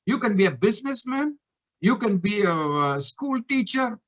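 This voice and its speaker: High-voiced, emphatic male coach speaker. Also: moderate pace. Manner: animated, emphatic storyteller. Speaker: coach educator. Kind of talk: motivational talk with an illustrative story.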